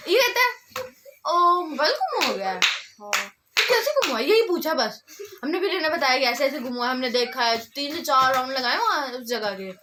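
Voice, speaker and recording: A woman's voice: high-pitched, noisy background. A woman with a Saraiki accent telling her vlog viewers a rambling story, emotional and half laughing, half tearful. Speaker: vlogger.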